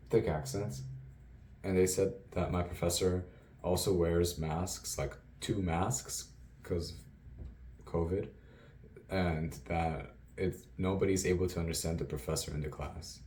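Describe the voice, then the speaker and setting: A man's voice: sits low, a little mellow, a little hiss or hum. A young man, a university student, telling his day in a rambling, self-amused diary vlog, laughing often. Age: young adult. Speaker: student vlogger.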